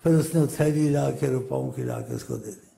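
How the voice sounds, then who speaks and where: A man preaching in a Pakistani Urdu accent, his voice gravelly with fry and dark in tone. He tells a long story and speaks the lines of the people in it, counting off numbers over and over. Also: mid-range voice. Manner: storytelling sermon, acting out quoted voices, repetitive counting. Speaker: religious teacher. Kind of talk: sermon storytelling.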